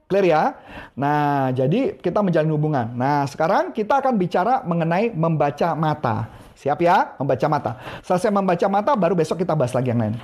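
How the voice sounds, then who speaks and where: A man teaching a casual live-streamed sales coaching lesson, animated and chatting with viewers, laughing often. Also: high-pitched. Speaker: NLP coach.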